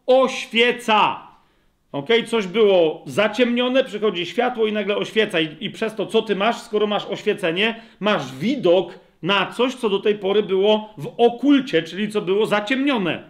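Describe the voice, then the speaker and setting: A man's voice: high voice, animated. A man leading a Bible study lecture, reading scripture aloud and stopping often to check that his listeners follow. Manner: addresses listeners directly, asks checking questions; reads scripture aloud, slows down for emphasis. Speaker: Bible teacher.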